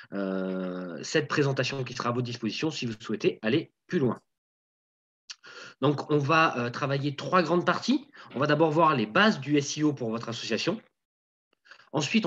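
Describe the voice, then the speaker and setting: Husky man on a muffled video call. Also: on the high side. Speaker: webinar co-presenter, marketing teacher. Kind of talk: presenting a webinar. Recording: dull lo-fi video call audio.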